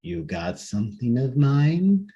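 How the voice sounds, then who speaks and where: A man doing a slow menacing ghost. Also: sing-song, breathy edge, muffled recording, full character voice. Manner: slow, drawn-out, low menacing calls. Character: menacing male corpse ghost, slow and hollow.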